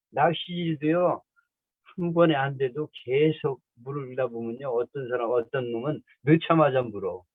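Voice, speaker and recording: A pastor, a man of some years, preaching a sermon through lively, colloquial stories. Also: on the high side, no echo. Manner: animated storytelling, colloquial. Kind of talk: sermon with anecdotes. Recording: tinny phone-like, dry.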